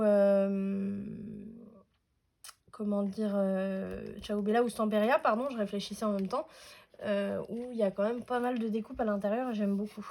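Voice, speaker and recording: A woman's voice: mid-range voice, warm tone. A woman hosting a casual scrapbooking tutorial at home, chatty and hesitant, with many fillers.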